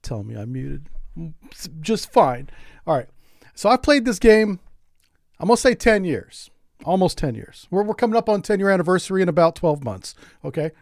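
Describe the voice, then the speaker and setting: Middle-aged man from the US, game streamer, higher-pitched voice, dry close sound, rambling jokey delivery. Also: no echo. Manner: joking, rambling, repeats words. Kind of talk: casual gameplay commentary.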